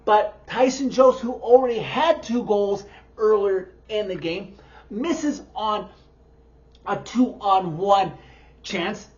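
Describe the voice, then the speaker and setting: A woman's voice: medium pitch, slow pace, a little mellow, lo-fi sound. A woman giving opinionated post-game sports commentary in an exasperated, emphatic manner. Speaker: sports podcast host.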